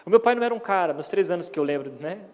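A man's voice: sits high, lively intonation, very fast, a little mellow. A man with a Brazilian Portuguese accent preaching a sermon in an earnest, folksy way, often asking for agreement. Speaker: pastor. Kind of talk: conversational sermon. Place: church hall. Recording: long church hall reverb.

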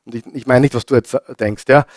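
A man with an Austrian German accent preaching a sermon as pastor. He hammers home repeated phrases, asks the congregation questions, and swings between loud and hushed delivery. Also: mid-range voice, fairly even intonation, quick pace, dry recording, clean studio sound.

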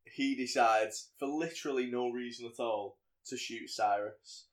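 A man's voice: medium pitch, unhurried, slight background noise. Podcast guy rambling through a film plot, lots of ums. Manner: rambling, animated retelling with frequent ums. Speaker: podcast co-host. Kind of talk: casual film recap chat.

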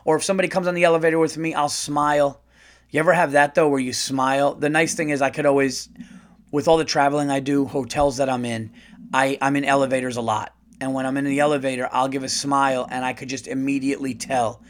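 A man's voice: mid-range voice, fast talker. A man hosting a casual comedy podcast, reading listener letters aloud and reacting bluntly, often laughing and cursing. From United States. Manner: animated, laughs a lot, blunt and profane. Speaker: podcast host.

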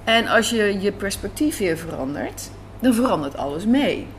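A woman gives an informal writer's interview at a café, thinking aloud and emphasising points by repeating phrases. Her mid-range voice has big pitch swings and a moderate pace. Faint café ambience and background room noise are present.

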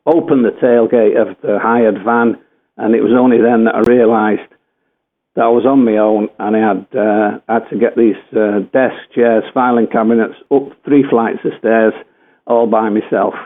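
A man's voice: lowish voice, fairly even intonation, normal speed. An older English man, a former footballer, telling a rambling anecdote full of fillers and self-corrections. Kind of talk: anecdotal storytelling. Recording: tinny phone-like radio line.

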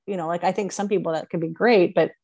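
A woman's voice: lowish voice, fairly even intonation, fast talker, a little mellow, lo-fi sound. A woman in her sixties hosting a podcast, talking in a chatty, reflective way with many fillers. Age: 60s. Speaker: podcast host. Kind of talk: casual interview chat.

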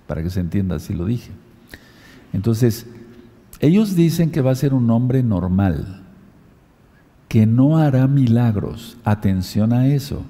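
A man with a low, very dark and mellow voice preaches a sermon. He spells out words letter by letter and reads scripture aloud. His voice carries a long reverb, as in a large hall. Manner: dictates letters and verses slowly to listeners.

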